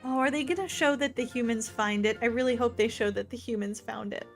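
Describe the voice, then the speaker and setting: Gushing, excitable woman gaming streamer. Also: fairly high pitch, brisk, soft background music. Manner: gushing, excitable reactions with many "like" fillers. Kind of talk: let's-play commentary.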